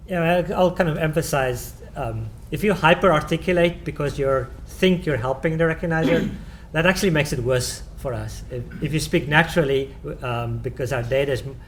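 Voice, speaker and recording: Answering audience questions in a conference room after a tech talk, a South African-accented presenter hesitates constantly, with many "um"s and restarts. His slightly high, bright voice moves at a moderate pace with few pauses over slight background noise.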